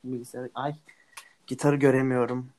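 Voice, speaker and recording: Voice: mid-range voice, flat delivery, normal speed, darkish tone, slight background noise, rough recording. A young adult co-hosting a casual chat, talkative and self-mocking, laughing often. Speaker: podcast co-host.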